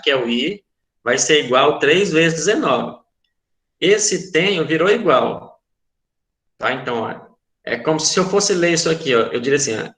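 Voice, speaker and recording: The voice is a man's, fairly high-pitched, pushed and bright, captured with a roomy sound. He has a Brazilian Portuguese accent and is a math teacher in an online class, explaining a word problem while patiently repeating and confirming his students are following.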